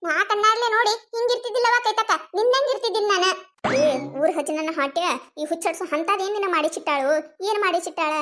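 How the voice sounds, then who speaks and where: A very high, piercing voice from a loud village wife in a cartoon comedy, as a woman voices her. She speaks with a North Karnataka Kannada accent and keeps scolding, mocking and wailing. The tone stays shrill and quarrelsome throughout. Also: fast talker, soft background music.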